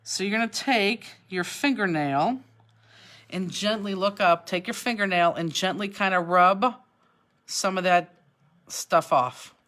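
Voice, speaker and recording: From an indoor craft studio, a Cleveland-accented woman from Cleveland, Ohio hosts a live online craft demonstration, chatting as she answers viewers' comments. Her mid-range voice is a bit bright and she talks a little slowly.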